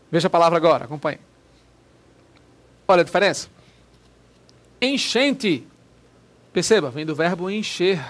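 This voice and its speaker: Lively, high-voiced teacher. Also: male voice. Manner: lively, chatty, drills words by repeating them. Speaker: Portuguese teacher. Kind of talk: recorded online grammar lesson.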